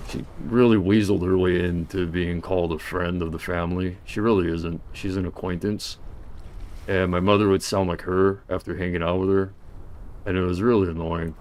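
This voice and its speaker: A man's voice: deep voice, flat delivery, moderate pace, darkish tone, a little hiss or hum. A man livestreaming, talking in a casual, meandering monologue full of restarts. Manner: meandering, restarts, talks to his mother off camera.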